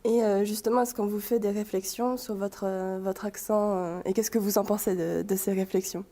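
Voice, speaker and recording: Woman, radio interviewer, mellow voice, middle pitch, gentle questions. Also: fairly even intonation, normal speed.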